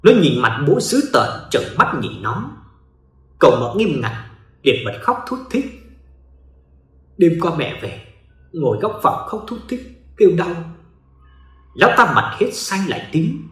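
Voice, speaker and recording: A man narrates a ghost story in a dramatic storytelling manner. His voice is slightly high and swings widely in pitch. The recording has a roomy echo. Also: very animated, measured pace, long pauses, a bit bright.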